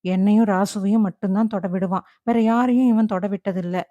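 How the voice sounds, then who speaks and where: A woman's voice: mid-range voice, fairly even intonation, a little fast, mellow, no room sound, dull audio, close to an everyday voice. A woman voicing a confident, doting young husband in an audiobook reading. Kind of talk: audiobook character voice.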